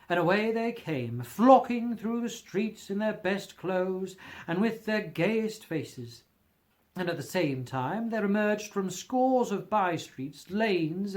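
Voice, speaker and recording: A male audiobook narrator with a voice high for a man reads a scripted story theatrically. His phrasing is expressive and his pitch swings widely.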